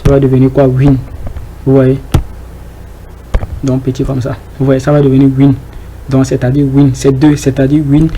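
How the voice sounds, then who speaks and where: A man's voice: mid-range voice, completely flat delivery, normal speed, long pauses, mellow, a little hiss or hum, low-quality recording. A man giving an informal Arabic reading lesson, hesitant, with many fillers, repeated words and rhetorical questions to the class. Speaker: Arabic teacher.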